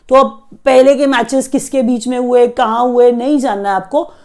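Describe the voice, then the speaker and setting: A woman with a fairly high, darkish-toned voice teaches an exam-prep current affairs lesson. She explains key facts and repeats them so her students can memorize them.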